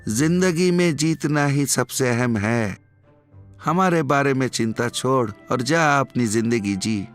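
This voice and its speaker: A soft-spoken elderly father from a village in a cartoon, as a narrator puts him on, wise and gentle. He speaks lower and quieter than the rest of the cast, slowly and kindly. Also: lively intonation, soft background music. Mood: tender.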